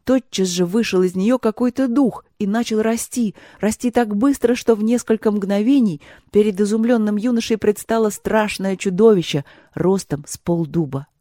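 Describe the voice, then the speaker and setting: A narrator reading a fairy tale aloud in an even, measured storytelling manner. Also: medium pitch, dry recording, studio quality. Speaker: audiobook narrator.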